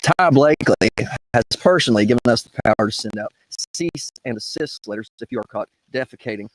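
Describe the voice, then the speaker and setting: Guy in his 30s reading out tips like an official notice, deadpan but bouncy pitch, outside. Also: brisk, low-quality recording. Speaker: presenter of a comic public notice video.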